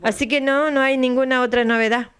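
This older Argentine woman speaks fairly quickly in a high, steady voice. As president of a retirees' center, she's chatting with a local TV crew at home in her living room, the interviewer holding a handheld mic. She patiently repeats dates and adds questioning tags to what she says.

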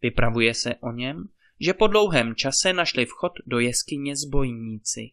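A man reading a fairy tale aloud at a calm, measured pace. His voice is bright and clear, with a middle pitch for a man. He sounds like a storyteller for an audiobook.

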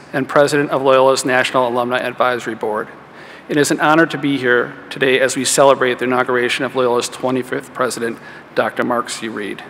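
A man's voice: mid-range voice, a bit bright. A man in his fifties gives a formal podium speech from prepared text. His mid-range voice echoes in a large hall, with faint noise behind it. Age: 50s. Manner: reading prepared remarks. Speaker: alumni board president. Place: stage of a large auditorium. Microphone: podium microphone.

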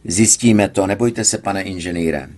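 A man's voice: low voice, a little mellow. A man voicing a young female nurse who speaks politely and soothingly.

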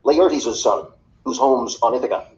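A man voicing a boastful, defiant sea captain who shouts proud taunts at a giant, heard on a dull recording with faint hiss. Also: medium pitch, unhurried, close to an everyday voice. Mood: taunting.

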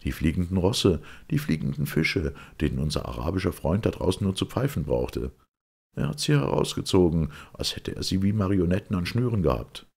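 A man with a husky voice reading a curt, urgent young man in a detective audiobook. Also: deep voice, big pitch swings, fairly quick, darkish tone, pitched above the performer's own voice, full character voice.

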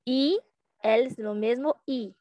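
A young woman with a Brazilian Portuguese accent teaching a Portuguese lesson in Spanish, drawing out each letter sound slowly. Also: on the high side, mellow, dry recording. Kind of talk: slow language lesson.

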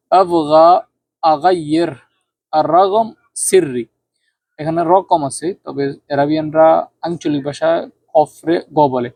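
A man from Bangladesh teaching spoken Arabic phrases in a casual lesson, repeating each phrase slowly and then explaining it quickly. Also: on the high side, dry recording.

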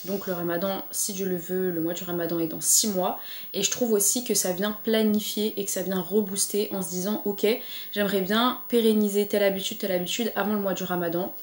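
A woman's voice: medium pitch, fairly even intonation, a little fast. Woman, vlogger, casual chat, encouraging, filler-heavy, echoey room. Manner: chatty and encouraging, with frequent fillers. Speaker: lifestyle vlogger. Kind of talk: casual motivational chat to camera.

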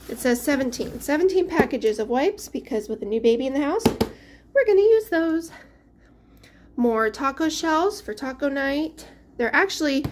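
A young mother of a large family films a casual grocery haul vlog on a handheld camera held at chest height, moving through her dining room and pantry. Her female voice is slightly high with a darkish tone, and she chats away, loses words and trails off. Slight background noise can be heard.

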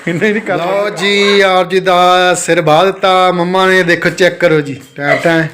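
A man's voice: high-pitched, steady tone, moderate pace, noisy background. A man with a Punjabi accent filming a casual family vlog, playfully calling out to his kids and pets. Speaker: family vlogger, father.

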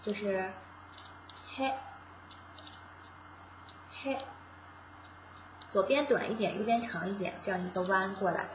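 A woman's voice: medium pitch, steady tone, a little fast, hardly any pauses, echoey room, dull audio, background noise. A woman from China teaching a casual beginner lesson, patiently explaining each step and repeating sounds aloud. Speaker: Japanese language teacher.

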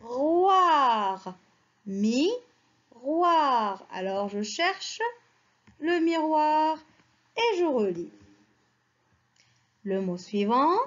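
A woman teacher slowly reading words and syllables aloud for young children. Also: high-pitched, big pitch swings, lo-fi sound. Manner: slow, syllable-by-syllable, sing-song teacher voice.

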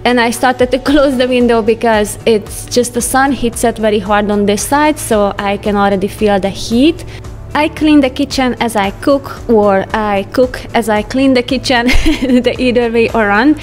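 Woman narrating her home routine, highish voice, soft music behind. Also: moderate pace. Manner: chatty, light laughs, non-native phrasing. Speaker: home vlogger. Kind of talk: casual voice-over narration. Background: soft background music.

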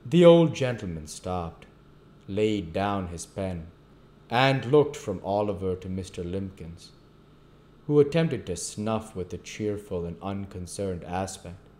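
A man reading a classic novel aloud at a measured pace, with the occasional stumble. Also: sits low, expressive, darkish tone. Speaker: audiobook reader.

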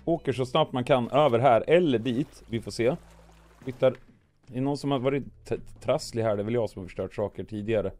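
Weeks of coughing have left this gaming host hoarse as he gives lighthearted commentary, narrating his play with comic sound words. He speaks at a medium pitch with a somewhat dark tone.

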